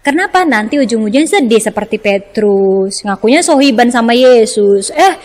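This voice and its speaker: A woman with a Medan accent, teaching Sunday school and asking the children questions in a lively way. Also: a little high, moderate pace. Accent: Indonesian, from Medan. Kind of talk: children's sermon. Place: church service streamed online. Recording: roomy, long reverb.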